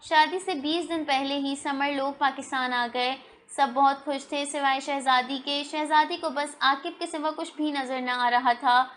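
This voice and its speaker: A woman narrating a romantic story in a steady, scripted reading. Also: high-pitched, measured pace.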